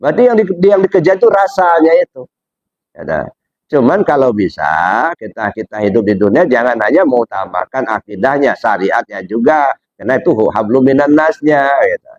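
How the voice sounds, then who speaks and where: A man giving a religious study lecture, asking his listeners rhetorical questions and jumping up in pitch to stress his points. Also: animated, a little fast, no room sound, dull audio. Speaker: Islamic religious teacher.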